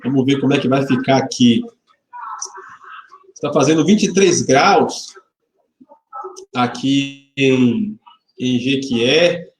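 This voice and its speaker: In a church hall, a Brazilian pastor around forty, from Salvador, Bahia, takes things slowly with frequent pauses, his pitch medium. He greets livestream viewers by name, jokes lightly in an informal, chatty way and leads a prayer. A webcam microphone captures roomy sound.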